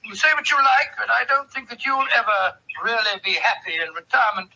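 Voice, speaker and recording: An actor playing a genial retired doctor and loyal companion, telling a tale in a chatty, avuncular way in an old-time radio drama. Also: male voice, high voice, creaky. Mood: fondly teasing. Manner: avuncular, chatty, measured storytelling. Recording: noisy old radio broadcast.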